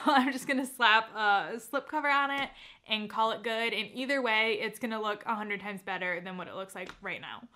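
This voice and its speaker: A woman's voice: a little high, fairly bright tone. A woman in her thirties talking casually to camera as a home decor vlogger, explaining things step by step in an informal, chatty way. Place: furnished living room at home, indoors.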